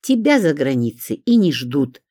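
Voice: mid-range voice, big pitch swings, moderate pace, a little mellow, dry recording, clean studio sound. A reader voicing a brash, mocking neighbour woman who cackles and needles in a storybook.

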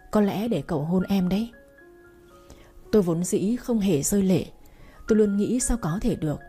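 A woman's voice: medium pitch, mellow, husky. A woman narrating a first-person romance story in a mournful, emotional way, like an audiobook reading.

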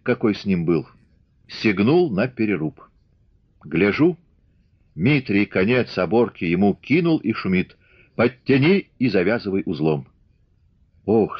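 A man's voice: on the low side, breathy edge, dry recording, exaggerated voice. A man voicing a frightened village woman in an audiobook, rambling and faltering in a folksy way. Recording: dull lo-fi audiobook recording.

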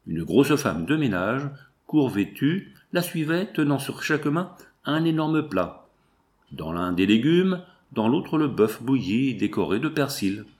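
A man narrating a classic novel aloud in a measured, even way. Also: medium pitch.

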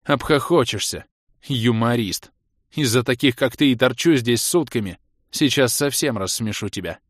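A sharp-tongued young baroness from an audiobook fantasy tale, proud and grumbling, with a sarcastic edge to her words, as a male narrator reads her. The sound is dry and close, with no room around it. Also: medium pitch, moderate pace, no room sound, lightly acted.

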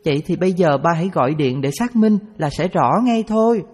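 A man's voice: a little high, animated, fairly quick, darkish tone, slightly rough, voice pushed up. A man voicing his young schoolgirl daughter, earnest and reproachful, in a story reading. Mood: scolding. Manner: earnest, questioning tone. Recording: reverberant with background music.

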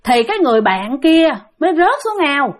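Woman host, Southern Vietnamese accent, high voice; chatty ghost-story teller who talks straight to her listeners. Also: big pitch swings, brisk. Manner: chatty, keeps addressing listeners directly. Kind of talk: casual ghost-story telling.

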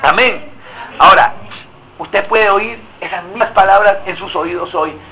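Unhurried yet pushed, a pastor's high, bright voice comes through on poor audio. He delivers an emphatic sermon and prompts the congregation to answer back.

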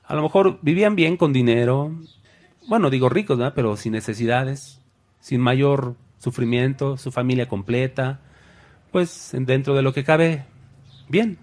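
A man delivers a sermon in a mid-range voice, addressing his listeners as brothers. He acts out Bible figures with sudden loud cries. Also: medium pitch, a little slow. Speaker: preacher.

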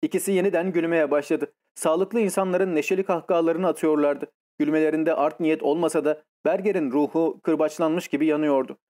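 A man reading an audiobook in scripted narration, telling the story in a measured, even way. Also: on the high side.

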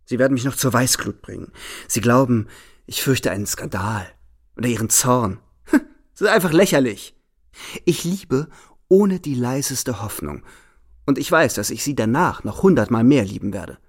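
A man's voice: mid-range voice, expressive, moderate pace. Impassioned man reading a novel aloud. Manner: impassioned, swings from hushed to exclaiming. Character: young man obsessed with a woman, feverish. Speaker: narrator.

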